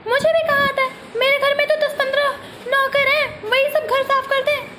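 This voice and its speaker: A woman voicing a proud, boastful young girl in a homemade family skit, shrill and quick to scold. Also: level tone, pushed and bright, slight background noise.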